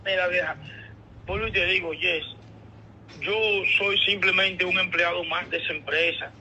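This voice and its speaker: A Dominican man chats casually on a speakerphone call that sounds tinny and muffled, with slight background noise. His high voice keeps a steady, sharp tone at normal speed while he hesitantly explains himself and repeats words.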